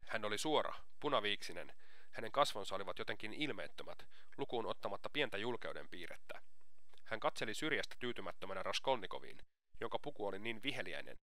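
A man reading an audiobook aloud, in a steady, measured narrating voice. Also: on the low side, no room sound. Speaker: audiobook reader. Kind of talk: scripted narration.

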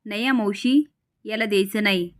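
A woman voicing a lively, cheerful young woman who helps her aunt in a storybook recap. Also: mid-range voice, normal speed, no echo, studio quality, natural voice. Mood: bright. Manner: bright and complaining.

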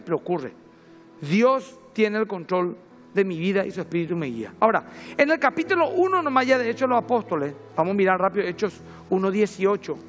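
A middle-aged man with a Paraguayan Spanish accent, preaching a sermon in a conversational way, mixing personal stories with Bible reading. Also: sits high. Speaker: pastor.

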